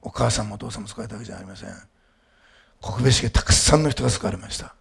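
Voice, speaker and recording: A male pastor preaching a sermon, moving between quiet storytelling and loud, emphatic declarations. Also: lowish voice, very fast, vocal fry, breathy edge.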